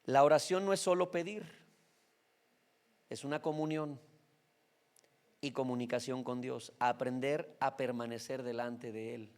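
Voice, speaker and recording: A man's voice: mid-range voice, a little slow, pauses often, darkish tone. A male pastor with a Mexican Spanish accent, preaching a sermon in a conversational way and often checking in with his listeners.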